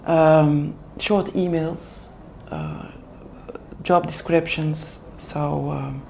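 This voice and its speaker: A woman with a deep, mellow voice answers interview questions in a second language at an Oxford language school, speaking carefully and hesitantly as she pauses to find words. She is an executive development manager whose first language is Dutch. Her intonation stays fairly even, her voice is creaky, and there's a little hiss or hum on the recording.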